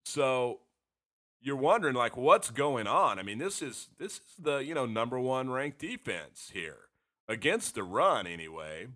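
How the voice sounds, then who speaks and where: A man hosting a sports fan podcast, talking casually and frankly while hoarse from a cold. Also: medium pitch, big pitch swings, a little slow, pushed and bright. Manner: frank, rambling, self-deprecating fan talk. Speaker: podcast host.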